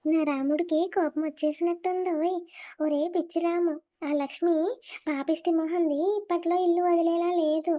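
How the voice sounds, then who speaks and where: A performer voicing a scheming young village woman in an animated drama, wailing and taunting in turn. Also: sits high, lightly acted.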